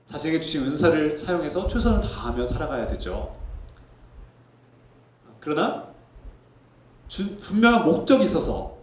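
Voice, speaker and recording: A male pastor preaching a sermon in earnest tones, sometimes quietly reflective and sometimes emphatic. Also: distant mic. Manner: softens to a low reflective tone for personal testimony. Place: church sanctuary. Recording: echoey church sanctuary.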